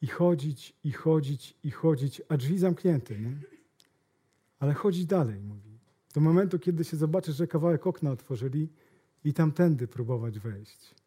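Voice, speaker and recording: Man voicing a deadpan boss, low, quiet, measured, dry. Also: slightly rough. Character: calm, dry older male company boss.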